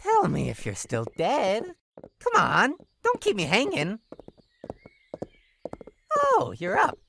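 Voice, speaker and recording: A flirty, possessive demon jester from a horror game. The delivery is theatrical and hugely animated, sliding between singsong teasing and sinister purrs at an unhurried pace. There is clear noise behind the voice. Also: female voice, medium pitch, heavily acted. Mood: teasing, gleeful. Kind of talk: visual novel horror game character acting.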